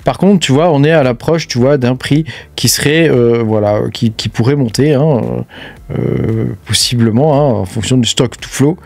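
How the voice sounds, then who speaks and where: A man's voice: medium pitch, moderate pace, a little mellow, no room sound. A man hosting a casual screen-share walkthrough, talking to the viewer familiarly and filling nearly every phrase with hesitations. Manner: chatty, fills every phrase with "hein" and "euh". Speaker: crypto channel host.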